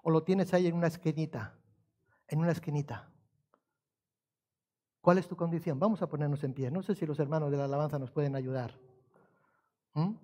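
Man, pastor, sermon, high-pitched voice, animated storytelling, rhetorical questions. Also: brisk, long pauses.

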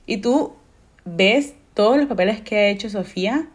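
Young coastal woman hosting a podcast, chatty, laughs a lot, middle pitch. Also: normal speed. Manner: chatty, laughs often, loose storyteller. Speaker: podcast host. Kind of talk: casual podcast chat.

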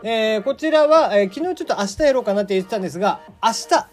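A man from Kagoshima, Japan, hosts a casual solo radio-style podcast, his accent a blend of Kagoshima and Hakata dialect. He talks fast and chattily, full of fillers and lively pitch swings, with faint music playing behind him.

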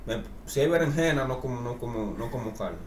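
A man's voice: mid-range voice, lively intonation, a little fast. Blunt Dominican man in an echoey room. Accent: Dominican Spanish. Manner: blunt, argumentative, slangy. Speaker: podcast co-host. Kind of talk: casual comedic banter. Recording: echoey room, faint noise.

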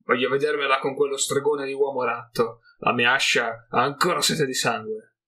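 Guy doing a blunt dwarf fighter, bright husky voice, plain delivery. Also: mid-range voice, steady tone, normal speed. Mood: gruff. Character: gruff bloodthirsty male dwarf warrior.

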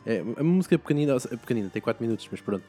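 A young man with a European Portuguese accent hosts a casual podcast chat. He talks fast and rambles, restarting his sentences. His pitch sits mid-range, with faint music in the background. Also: lively intonation, mellow, husky. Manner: rambling, many restarts and fillers. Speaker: podcast host.

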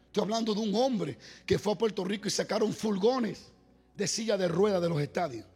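A man preaching a sermon in a large church hall, telling stories with passion and rising to loud exclamations. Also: high voice, fairly quick, husky. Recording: reverberant hall with faint music.

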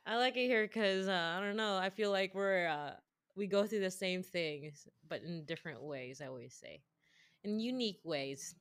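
A woman's voice: lowish voice, normal speed, no echo. A woman co-hosting a podcast in casual chat, who laughs often and talks in a scattered way. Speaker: podcast co-host.

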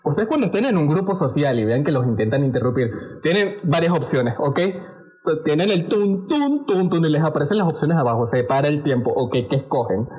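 A man with a Venezuelan accent in casual chat, telling stories with animated delivery and acting out other people's voices. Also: fairly high pitch, fairly quick. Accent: Venezuelan Spanish.

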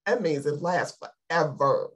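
A woman's voice: low voice, animated, normal speed. A woman giving an emotional, fervent sermon over a video call, repeating her exhortations. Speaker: lay preacher.

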